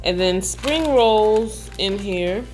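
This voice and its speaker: A woman's voice: mid-range voice, lively intonation, very slow, a little mellow, faint music behind. A woman vlogger chatting casually to the camera in a conversational way, often peppering her sentences with filler "like". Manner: conversational, frequently saying "like".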